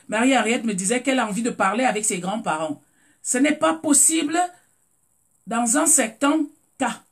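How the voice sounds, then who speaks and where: In a casual live broadcast, a host from Cameroon speaks with a Cameroonian French accent in a mid-range, slightly breathy voice. Viewers are greeted by name, and words are repeated while the host searches for them.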